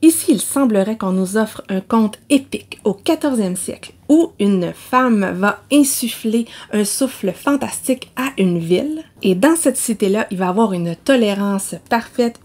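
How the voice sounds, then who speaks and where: Chatty Québécoise book vlogger. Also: female voice, on the high side, a little mellow. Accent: Québécois French. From Quebec. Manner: chatty, self-mocking, laughs often. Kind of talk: casual book chat.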